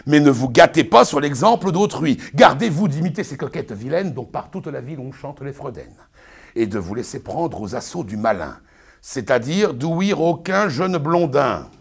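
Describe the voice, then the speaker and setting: A man's voice: medium pitch, slightly rough. A man playing a pompous, domineering bourgeois husband, declaimed as hammy classical verse theatre. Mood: stern warning. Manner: hammy, declamatory stage acting. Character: pompous, domineering bourgeois master lecturing his young bride.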